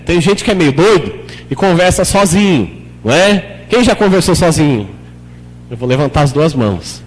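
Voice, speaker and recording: A man's voice: very animated, normal speed, in a large hall, low-quality recording. A man preaching a sermon as a pastor, talking conversationally and often putting questions to the congregation. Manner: acts out prayers in a lower, softer voice. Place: church hall.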